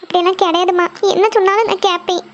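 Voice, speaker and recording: A woman's voice: very high voice, level tone, very fast, dull audio. A woman voicing a meek young daughter, pleading and protesting with her mother.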